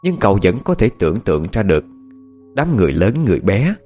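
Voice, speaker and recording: Low, expressive male storyteller. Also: fast, husky, faint music behind. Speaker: audiobook narrator. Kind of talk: dramatic audiobook storytelling.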